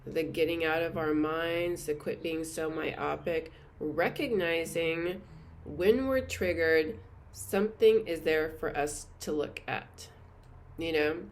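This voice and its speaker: A woman hosting her own channel, chatting earnestly and reflectively to camera, with many fillers and soft laughs. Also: deep voice, slow pace, slight background noise. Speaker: spiritual teacher and channel host. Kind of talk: casual reflective monologue to camera.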